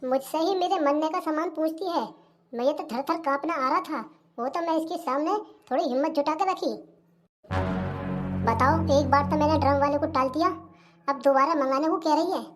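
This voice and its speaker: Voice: high-pitched, moderate pace, fairly bright tone, faint music behind. A voice actor playing a suspicious, fearful old village mother-in-law in a comedy cartoon, speaking with a rural Hindi accent. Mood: anxious. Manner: suspicious, fretful, muttering asides.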